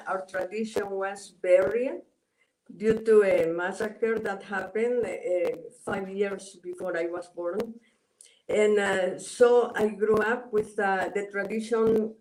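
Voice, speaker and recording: A woman's voice: mid-range voice, fairly even intonation, slow, a little mellow, rough recording. A woman from El Salvador with a Spanish accent, speaking English as a second language and answering interview questions over a video call, hesitant and full of fillers. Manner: hesitant, many filler sounds and restarts. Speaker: guest, Mayan elder. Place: home in Guatemala.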